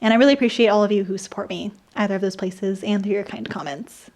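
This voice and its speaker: A woman with a mid-pitched, croaky voice hosts an explainer video. Her throat sounds dry, and sentence endings sink into vocal fry. She delivers prepared explanations mixed with personal asides. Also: quick pace, darkish tone. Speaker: host of an explainer video channel.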